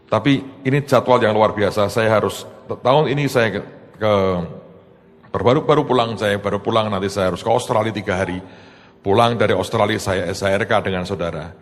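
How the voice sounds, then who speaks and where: A man preaching a sermon as pastor, telling a story with animated bursts that jump high. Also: brisk. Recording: long hall reverb.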